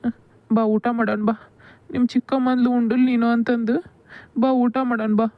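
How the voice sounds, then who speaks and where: A kind village father in a cartoon, coaxing and affectionate, with a North Karnataka Kannada accent, voiced by a woman. His voice is a bit high for a man. The audio is dull, lo-fi and dry. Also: level tone, normal speed, no echo, lightly acted. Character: kind, doting middle-aged village father. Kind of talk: cartoon voice acting.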